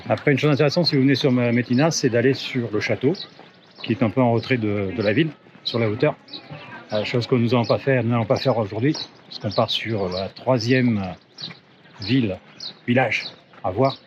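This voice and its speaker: A man's voice: mid-range voice, moderate pace. A man from France guiding viewers through a town in a casual travel vlog, thinking aloud with many fillers and restarts, recorded outdoors on a handheld camera. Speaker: travel vlogger. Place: outdoors in town streets and on a bridge. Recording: muffled with loud outdoor noise. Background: outdoor ambience and wind.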